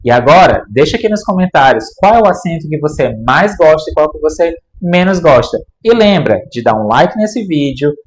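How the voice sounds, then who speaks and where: A fairly high-voiced Brazilian man, a native Portuguese speaker, gives an online English lesson. He explains with enthusiasm and talks straight to his viewers. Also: sing-song, moderate pace, hardly any pauses. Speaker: English teacher.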